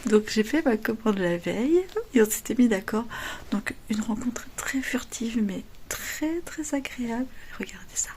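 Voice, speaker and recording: Middle-aged woman, higher-pitched, chatty home vlogger keeping her voice down, faint room hiss behind. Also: lively intonation, a little slow. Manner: hushed half-whisper, chatty. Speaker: knitting vlogger. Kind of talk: casual chat. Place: home, early morning.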